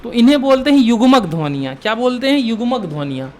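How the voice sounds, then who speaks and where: A man's voice: extremely high pitch, very animated, fast. A young man teaching an exam-prep Hindi lesson, asking questions and answering them himself, repeating key terms to drill them.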